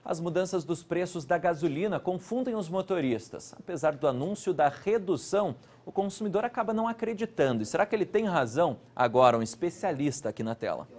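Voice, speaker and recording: A man presenting a local TV news program from the studio, chatting between reports in a brisk, conversational way. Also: on the high side, expressive, a little mellow. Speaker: news anchor.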